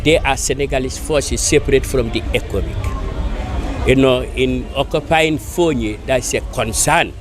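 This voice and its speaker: A man's voice: mid-range voice, normal speed, music in the background. A man, an independent candidate answering reporters' questions outdoors, emphatic and boastful, full of "you know". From Gambia. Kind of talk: impromptu press interview. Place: outdoors by an electoral office.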